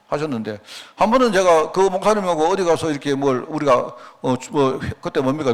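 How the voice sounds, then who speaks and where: Lively middle-aged pastor. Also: male voice, on the high side. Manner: folksy anecdotal storytelling, self-mocking humor; frequent rhetorical asides to the congregation. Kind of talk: conversational sermon.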